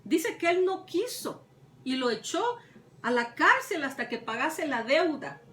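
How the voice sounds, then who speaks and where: A woman's voice: high voice, very animated, unhurried, a bit bright, slight background noise. A woman preacher retelling a Bible parable, repeating herself and asking rhetorical questions. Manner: retells scripture with many repetitions and rhetorical questions. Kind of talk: Bible teaching. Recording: echoey room, mic at a distance, faint ambience.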